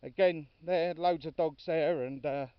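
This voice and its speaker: Out on a dog walk he's filming, a man talks informally in a fairly high, smooth voice, a little slow and fairly even, occasionally calling to his dogs. The mic sits far off, giving a dry, dull lo-fi sound with no room tone.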